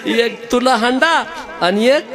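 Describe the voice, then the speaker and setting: A man's voice: extremely high pitch, slow pace, pitched above the performer's own voice, exaggerated voice. A man doing a sly greedy village husband. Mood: smug. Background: music.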